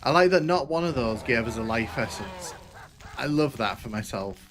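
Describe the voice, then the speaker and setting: A young man from northwest England, with an accent from the region, streams a game while giving casual, rambling, self-mocking commentary. His mid-range voice has lively intonation, normal speed, and a slightly bright quality, with slight background noise.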